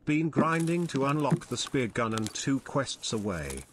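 A male text-to-speech voice reading out viewer messages in a flat synthetic way. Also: medium pitch, measured pace, very noisy.

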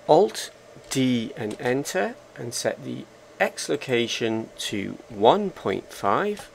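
Slow gravelly-voiced man giving instructions. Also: medium pitch, slight background noise. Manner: slow, measured, instructional commands. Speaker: software tutorial instructor. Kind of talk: step-by-step screencast narration.

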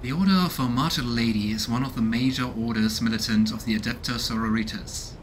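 There's slight background noise as a thirtysomething let's-play streamer muses through a game in a small home room, curious and casual, reading its text out loud. His voice is mid-range and steady, and he talks a little fast.

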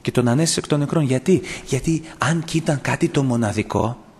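A man pastor delivering an impassioned sermon, swinging between loud declarations and hushed confession. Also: medium pitch, slightly rough.

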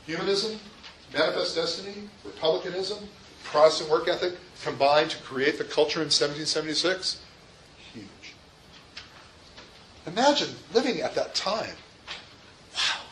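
A man's voice: fairly high pitch, fairly bright tone, a little hiss or hum, rough recording. A man giving a classroom history lecture in an emphatic way, often asking his listeners rhetorical questions. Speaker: history teacher.

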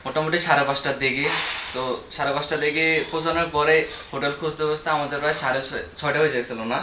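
A man's voice: a little high, steady tone, noisy background. A young man from Bangladesh, teasing his friends in a casual travel vlog filmed on a handheld camera. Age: young adult. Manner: teasing, quick and chatty. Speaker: vlogger. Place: night bus and restaurant, then hotel room.

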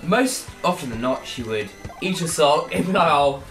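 A man on a podcast telling a story in casual chat, animated and profane, laughing as he goes. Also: fairly high pitch, normal speed, faint music behind. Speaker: podcast co-host.

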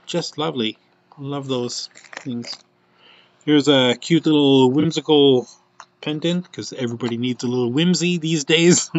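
A man's voice: mid-range voice, no echo. Male host, casual live product showcase, rambling, lots of ums, muffled lo-fi sound, dead dry room. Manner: chatty and rambling, with many fillers.

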